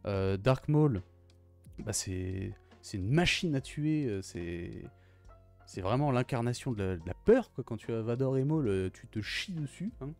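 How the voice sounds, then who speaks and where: A man's voice: medium pitch, expressive, measured pace, darkish tone, soft background music. A young man gushing in a casual, slangy film review, often repeating his exclamations. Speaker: YouTuber reviewing films.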